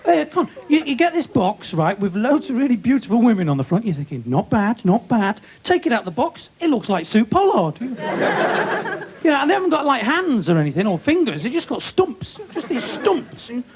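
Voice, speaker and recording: A man's voice: very high voice, sing-song, normal speed, a little hiss or hum. A young man telling a rambling, chatty stand-up story. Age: young adult. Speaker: stand-up comedian. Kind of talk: stand-up routine. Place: comedy club stage.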